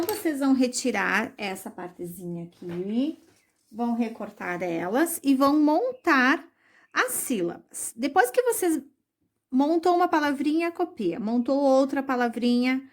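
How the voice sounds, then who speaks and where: A woman teaching young children a recorded lesson, explaining slowly and patiently, with many diminutives. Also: high voice. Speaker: primary school teacher.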